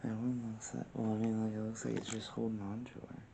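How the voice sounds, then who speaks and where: A man on a paranormal investigation, asking spirits questions aloud in a hushed, casual way. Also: fairly low pitch, completely flat delivery, fast, gravelly, a little hiss or hum. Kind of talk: casual ghost-hunting session. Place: old former brothel building, indoors.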